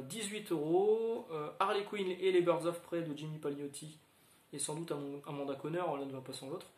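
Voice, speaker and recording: A man in his thirties chatting casually about upcoming comic releases, rambling with lots of fillers and restarts and giving frank opinions. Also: on the high side. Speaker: comics video host. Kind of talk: casual chat. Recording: echoey room.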